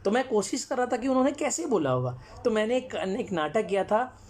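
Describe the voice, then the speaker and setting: A man's voice: high-pitched, very animated, brisk, darkish tone. Earnest man explaining storytelling craft. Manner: explanatory, earnest, mixes in English phrases. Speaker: guest storyteller and actor. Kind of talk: live-stream talk answering viewer comments.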